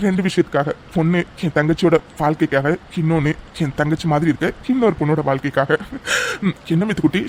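A man's voice: a little high, slight background noise. A man voicing a chatty, affectionate older brother in a cartoon story, teasing as he talks.

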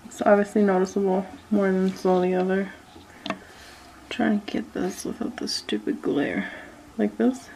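A young woman with a cold vlogs casually from her home bathroom into a handheld phone camera, chatting with lots of "um" and "like." Her medium-pitched voice is gravelly and mellow, delivered flatly at normal speed. The recording is low quality with slight background noise.

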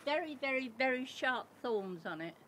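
A woman's voice: high voice, animated, moderate pace, sharp tone, a little hiss or hum. An elderly woman chatting hesitantly on a doorstep, picked up outdoors on a handheld phone. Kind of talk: casual doorstep chat. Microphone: handheld phone held by the other person.

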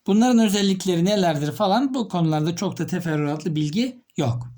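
A man's voice: high voice, brisk, dark tone. Man teaching, repeating key terms. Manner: explains step by step, repeats key terms while writing; addresses students directly with questions. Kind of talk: literature lesson.

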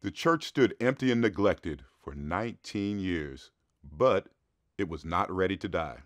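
A man giving measured, scripted documentary narration. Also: deep voice, lively intonation, dry recording. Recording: music bed under voice.

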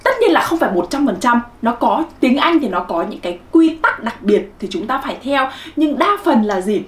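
A woman's voice: a little high, lively intonation, normal speed, reverberant. A woman teaching English pronunciation to children, coaxing and drilling sounds over and over; Vietnamese is her first language.

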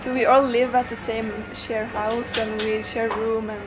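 A young woman from Norway chatting as a guest at dinner, relaxed and talkative. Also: fairly high pitch, a little slow. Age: young adult. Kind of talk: casual chat. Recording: noisy crowded restaurant.

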